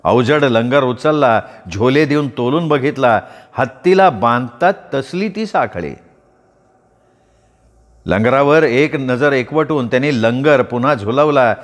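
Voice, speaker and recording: A man's voice: medium pitch, a little slow. A man giving a vivid, dramatic storytelling reading of a rural novel. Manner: vivid, expressive narration. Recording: long hall reverb.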